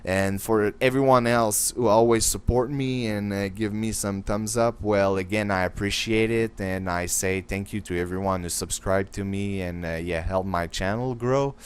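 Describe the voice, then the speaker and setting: Young man, lowish voice, smooth and resonant, casual gameplay commentary, loose rambling delivery. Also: steady tone, moderate pace, few pauses. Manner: casual, rambling, filler-heavy talk. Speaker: gaming channel host.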